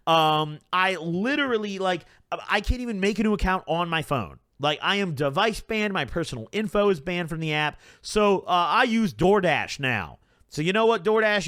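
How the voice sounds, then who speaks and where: Speaking in a high voice, the channel host, a young man, rambles through a story casually and profanely, peppering it with "like" and "bro." He stays animated, doing voices whenever he quotes someone, captured in a dry, clean studio recording.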